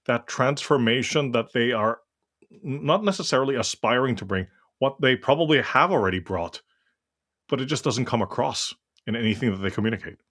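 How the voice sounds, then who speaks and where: A man's voice: medium pitch, fairly quick, fairly bright tone. A man hosting a casual interview, reflecting on the guest's points and often checking in with 'right?'. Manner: reflective, keeps adding 'right?'. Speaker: interview host.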